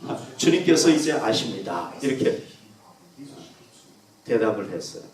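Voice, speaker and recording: A man preaching a sermon as pastor, earnest and emphatic, swinging from loud stresses to soft, quiet endings. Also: lowish voice, sing-song, measured pace. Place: church sanctuary. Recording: echoey church room from a distance.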